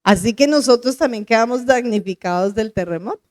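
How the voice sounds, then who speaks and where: A woman pastor preaches, her voice sitting a little high. She tells her own testimony in earnest, slowing down and drawing out the words she wants to land. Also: lively intonation, darkish tone. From Bogotá, Colombia. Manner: earnest storytelling with slow, stretched emphasis on key words. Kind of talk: sermon with personal testimony.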